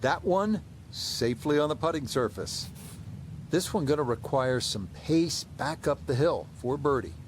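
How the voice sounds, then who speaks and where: A man working as a golf commentator in a video game, calling play in measured, short broadcast phrases. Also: a little high, lively intonation, a little hiss or hum. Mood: measured, engaged. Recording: music behind the voice. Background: music.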